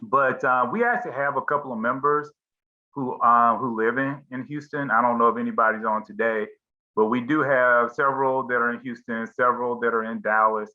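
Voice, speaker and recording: A middle-aged man leads a casual group chat over a video call, circling his points with plenty of ums and restarts. His voice sits at an ordinary middle pitch. The call audio sounds a little dull and lo-fi. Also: steady tone, brisk, bright, forceful tone. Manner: rambling, many fillers and restarts.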